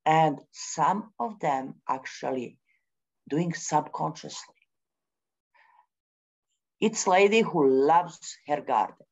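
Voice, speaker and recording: Woman, middle-aged, low voice, slow and halting English, spontaneous spiritual talk, dull lo-fi recording. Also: slightly rough. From Bosnia. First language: Bosnian. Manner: halting, searching for words with many pauses; non-native English grammar. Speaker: forum speaker.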